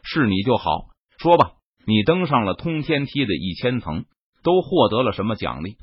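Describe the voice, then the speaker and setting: Male narrator as a threatening arrogant young swordsman, lively sneering delivery. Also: medium pitch, moderate pace, slightly rough, muffled recording. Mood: menacing. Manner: cold, threatening. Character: arrogant menacing young male sect senior disciple.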